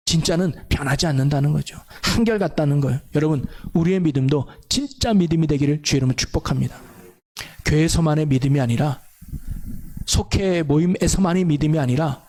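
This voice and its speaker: A man preaches a sermon to his congregation in a somewhat high voice. He presses each point earnestly, stacking repeated phrases for emphasis and turning to rhetorical questions to draw the listeners in. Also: darkish tone. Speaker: pastor. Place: church.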